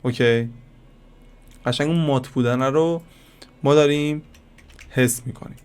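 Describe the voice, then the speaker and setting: A man giving a casual screen-recorded software lesson, talking to viewers like friends and thinking aloud as he clicks through settings. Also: mid-range voice, clean tone. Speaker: software tutorial instructor.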